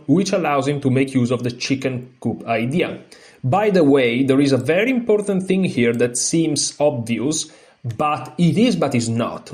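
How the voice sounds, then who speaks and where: With a medium-pitched, slightly mellow voice, an Italian-accented chess channel host teaches a lesson in a language that isn't his first. His book reading is halting, full of fillers and restarts, while his explanations come out more freely.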